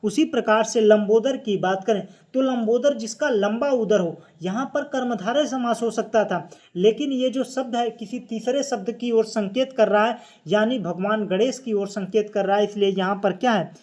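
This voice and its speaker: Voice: mid-range voice, normal speed, darkish tone, dull audio. Teacher quizzing and answering self. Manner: explains step by step, asking and answering its own questions; repeats key phrases for emphasis. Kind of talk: exam-prep lesson video.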